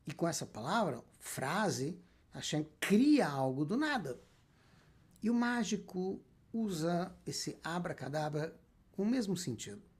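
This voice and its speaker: A man's voice: on the high side, very animated, a little slow, darkish tone, breathy edge. A man, a rabbi giving a spoken lecture and emphatically asking and answering his own questions. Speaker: rabbi teaching Kabbalah.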